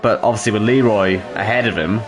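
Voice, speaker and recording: A man's voice: fairly low pitch, quick pace, noisy background. Dry-witted male race analyst. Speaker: race commentator. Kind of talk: live sim racing commentary.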